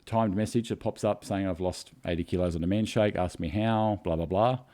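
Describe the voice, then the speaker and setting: A man's voice: sits low, a little fast, warm tone. A man telling a story in a casual video chat, emotional and rambling, tearing up. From Australia. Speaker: co-host.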